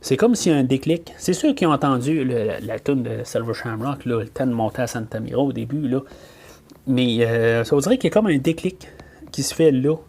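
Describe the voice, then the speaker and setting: A man's voice: medium pitch, lively intonation, brisk, a little mellow. A man with a Québécois French accent hosting a podcast, reviewing a film in casual talk, full of fillers and restarts. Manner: hesitant, many fillers and restarts. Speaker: podcast host.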